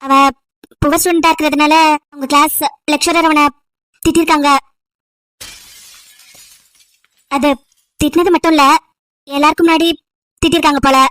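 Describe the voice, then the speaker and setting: A woman's voice: high voice, little pitch movement, a little fast, long pauses, fairly bright tone, dry recording, clean studio sound, pitched below the performer's own voice. A woman playing a caring young friend. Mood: hesitant. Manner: soothing, reassuring, earnest. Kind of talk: amateur audio drama.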